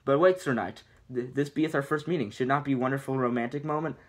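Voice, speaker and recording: A man's voice: mid-range voice, fairly quick, lightly acted. A man doing a prim, dramatic fairy-tale princess. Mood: expectant. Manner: dramatic, old-fashioned storybook phrasing. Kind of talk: casual script reading.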